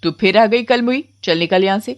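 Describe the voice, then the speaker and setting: A woman's voice: normal speed, no room sound, lo-fi sound, lightly acted. Woman doing a cruel scolding mother. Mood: harsh. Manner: scolding, shrill.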